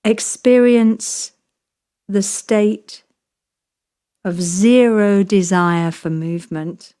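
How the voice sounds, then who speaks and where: Her voice warm and clean in tone at a medium pitch, a woman yoga nidra teacher leads a guided relaxation meditation. She speaks soothingly and measuredly, leaving long pauses after short phrases.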